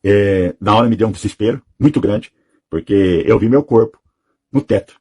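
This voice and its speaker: A man's voice: fairly low pitch, moderate pace, darkish tone, slightly rough. A man in his thirties giving a personal testimony, telling it in a rambling way and tagging his sentences with "you know?" asides. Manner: rambling, tags sentences with "sabe?" and "né?". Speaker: testimony giver.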